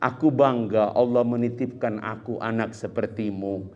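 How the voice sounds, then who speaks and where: A woman's voice: a bass voice, steady tone, normal speed, a little mellow, lo-fi sound, voice pushed down. A man voicing an old mother who tells her child tenderly how much she loves them. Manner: tender, pleading.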